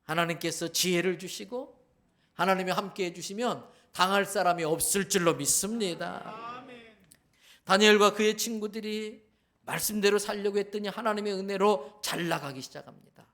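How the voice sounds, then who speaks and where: A man's voice: high voice, normal speed, a bit bright. A man preaching a sermon as a pastor, emphatic, repeating key phrases and asking the congregation questions. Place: church sanctuary.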